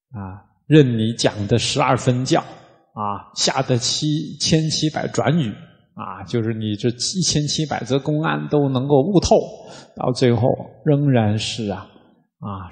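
A man teaching as a Buddhist monk, speaking in an easygoing, conversational way at a mid pitch. He keeps opening phrases with a drawn-out "ah" and slips into fast, rhythmic chanting. His voice trails off in a long hall reverb. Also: animated, creaky. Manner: demonstrates rapid rhythmic chanting. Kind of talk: casual dharma talk.

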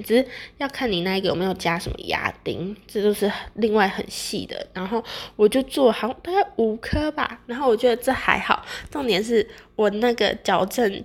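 A young adult woman with a Taiwanese accent chats casually to viewers in a rambling monologue, often repeating words and correcting herself. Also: medium pitch. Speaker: vlogger sharing personal experience.

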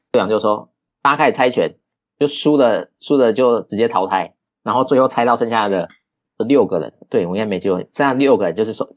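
Young man, Taiwanese Mandarin accent, podcast guest, fast, somewhat low voice. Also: dry recording, muffled recording. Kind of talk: casual storytelling chat.

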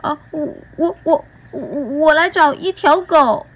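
A woman voicing a timid talking mouth in a storybook read-aloud, high-pitched and prone to stammering. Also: animated, a little slow, bright, forceful tone, heavily acted.

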